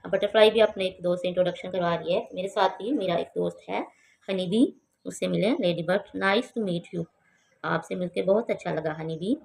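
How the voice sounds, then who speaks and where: A woman's voice: on the low side, vocal fry, darkish tone, rough recording. A woman teaching a home English lesson, spelling out words letter by letter and translating each English line. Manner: reads English lines slowly and carefully.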